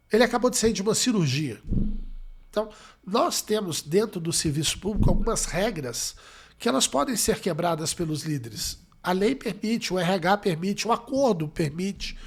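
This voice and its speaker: Male psychologist guest from Brazil with a high voice, a lively storyteller who acts out dialogue. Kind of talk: interview answers with anecdote.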